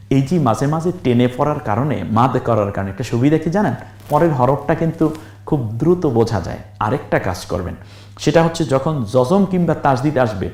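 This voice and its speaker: This recorded lesson has a man teaching Quran reading, spelling and chanting words one slow syllable at a time and asking viewers questions. The voice is medium in pitch and slightly mellow, with roomy sound.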